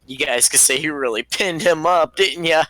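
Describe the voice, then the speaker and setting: A man's voice: on the high side, moderate pace, pushed and bright, rough recording. A man playing a tabletop game, jokey and punchy in casual table talk. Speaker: player.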